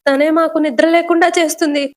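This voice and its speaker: A woman's voice: high voice, flat delivery, fast talker, voice pushed up, lightly acted. A woman voicing a nervous grown son who panics at strange sounds. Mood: scared.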